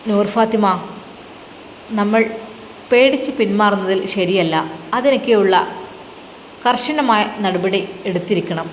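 A woman's voice: medium pitch, measured pace, long pauses, roomy sound, in a large hall, a little hiss or hum, lightly acted, low-quality recording. A woman voicing a devoted male religious teacher who firmly consoles his frightened wife. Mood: firm consoling. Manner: firm, consoling, determined.

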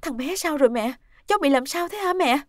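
A woman's voice: fairly high pitch, moderate pace, dark tone, no room sound, clean studio sound, pitched above the performer's own voice, natural voice. A woman voicing an anxious young mother who speaks in a pleading, worried way.

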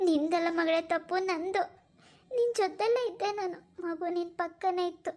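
Cartoon role: high-voiced middle-aged mom, soothing and guilt-ridden, played by a woman. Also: normal speed, a little mellow. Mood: consoling. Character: middle-aged mother, comforting her daughter. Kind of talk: cartoon voice acting.

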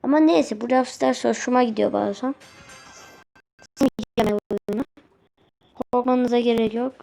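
A woman giving live gameplay commentary, grumbling and repeating words in quick bursts as she plays. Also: on the high side, vocal fry, dark tone, soft background music. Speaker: gaming video host.

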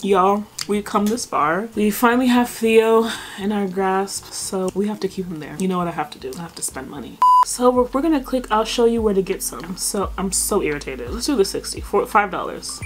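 A young woman YouTuber reading a story game aloud and commenting, excitable and giggly. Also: medium pitch, normal speed, noisy background. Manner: excitable, giggly, shrieks when thrilled. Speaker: gaming YouTuber. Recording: background game music.

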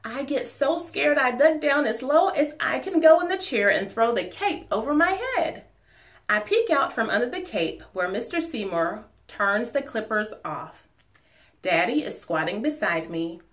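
A woman in her forties, a teacher reading a children's storybook aloud at home in an expressive, animated way. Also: a little high, unhurried. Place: living room at home.

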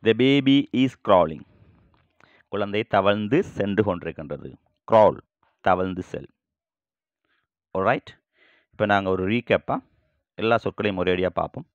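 Low-voiced guy teaching english words real slow, dry close sound. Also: expressive, smooth, no echo, highs cut off. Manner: slow, deliberate, repeats each phrase then translates. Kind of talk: bilingual vocabulary lesson.

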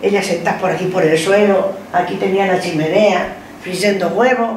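A woman's voice: fairly low pitch, moderate pace, distant mic. An elderly woman from Spain tells stories casually, repeating herself and exclaiming as she goes. The mic is some way off in a roomy living room, with faint background noise. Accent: Spanish from Spain. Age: elderly, over 70. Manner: lively, repetitive, exclamatory. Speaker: interviewee recalling her past. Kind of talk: casual reminiscing, animated anecdotes with acted quotes. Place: living room at home, seated in armchair. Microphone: camera a few metres away.

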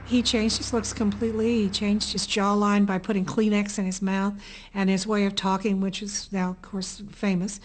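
A woman's voice: medium pitch, level tone, normal speed, rough recording. Brief: woman interviewee, mid-range voice, candid and conversational. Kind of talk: documentary interview.

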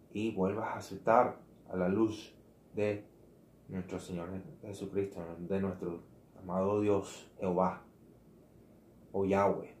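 Slow, halting man preaching casually. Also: deep voice, a little mellow, a little hiss or hum. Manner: halting, self-correcting, slangy asides. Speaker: lay preacher. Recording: roomy echo.

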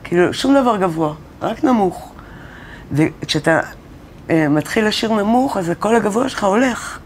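A woman's voice: mid-range voice, a little hiss or hum. A woman singer-songwriter telling stories in a casual interview, acting out the dialogue she quotes. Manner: animated storyteller who acts out quoted dialogue. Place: college studio or classroom.

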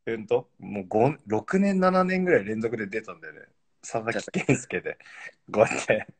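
Husky man in his forties, joking. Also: on the low side, lively intonation, moderate pace. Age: 40s. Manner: laid-back, laughs often, joking. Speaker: pro footballer, live-stream guest. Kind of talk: casual live-stream chat.

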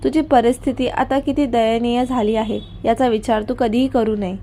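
A woman's voice: fairly high pitch, steady tone, normal speed, dark tone, slight background noise, lightly acted. A woman voicing an arrogant, domineering rich young husband in a storybook reading, with cold, commanding scorn. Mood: harsh.

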